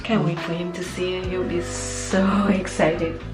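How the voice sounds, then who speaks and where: A woman's voice: on the low side, flat delivery, measured pace. A woman, a mother chatting casually on a family vlog in a gushing, affectionate, doting way. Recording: loud music behind voice. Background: music.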